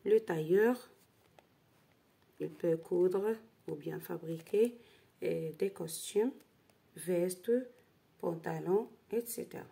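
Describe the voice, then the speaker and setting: A woman's voice: lowish voice, slow, gravelly, pauses often, warm tone, husky. A woman teacher walks through a worksheet, spelling out syllables and checking in with "d'accord?". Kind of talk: slow worksheet lesson.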